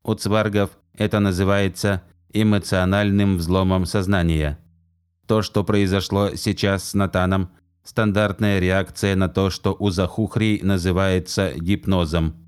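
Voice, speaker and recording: A man reading an audiobook and voicing a prim, literal male robot nanny in a metallic, measured tone, reciting facts like a manual. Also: deep voice, clean tone. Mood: flat, matter-of-fact. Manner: slow, even, reciting like a manual.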